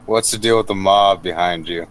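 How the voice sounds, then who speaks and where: A man's voice: low-pitched, normal speed, a crowd in the background. A man playing a tabletop game, speaking his character's lines in a dry, sarcastic drawl. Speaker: player.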